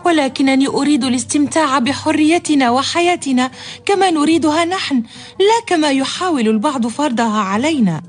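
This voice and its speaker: A woman's voice: high voice, a little fast, natural voice. A woman playing a hopeful, devoted wife with lyrical, formal delivery in a historical radio drama. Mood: tender, earnest. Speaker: actor in a historical radio serial.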